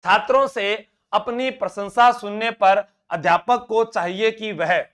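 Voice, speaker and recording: Man, Rajasthani Bagri accent, high voice, coaching teacher, chatty and coaxing, live online class. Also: unhurried, a bit bright, smooth. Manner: chatty, coaxing, mixes in local dialect.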